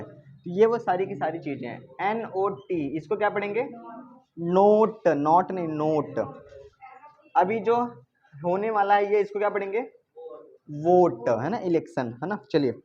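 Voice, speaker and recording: A man teaching English pronunciation to a class, asking questions and repeating words slowly. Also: high-pitched, a little mellow, muffled recording, slight background noise. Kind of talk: classroom lesson.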